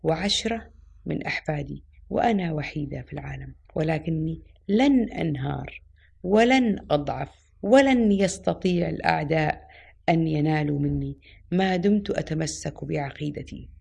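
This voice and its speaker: A woman reading the lines of a wise, calm elderly woman in an audio story, speaking firmly like a preacher. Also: sits low, moderate pace, vocal fry, slightly rough, heavily acted. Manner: firm, preaching tone.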